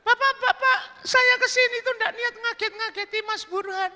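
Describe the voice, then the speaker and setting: Male preacher voicing a teasing young woman, squeaky falsetto, sharp bright tone, big hall echo. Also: steady tone, normal speed, full character voice. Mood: coy, pleading. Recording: echoey hall.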